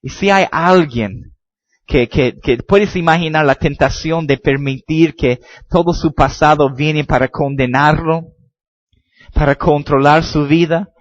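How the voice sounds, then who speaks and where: A man delivers a Bible study sermon in a fairly high voice, stressing scripture readings and dropping in little tag questions. The recording is dry a slightly dull, muffled tone. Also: unhurried. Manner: reads scripture aloud with rising emphasis, many repeated words and tag questions. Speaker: Bible teacher.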